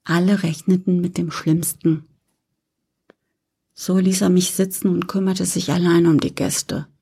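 A woman reading a story aloud as narrator, soft-spoken and often dropping to a near whisper. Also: on the low side, vocal fry, husky. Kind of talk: scripted narration.

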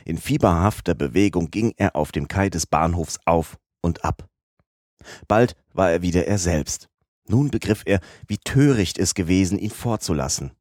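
A man narrating an audiobook in a measured, even storytelling manner. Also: sits low, no room sound. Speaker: audiobook reader.

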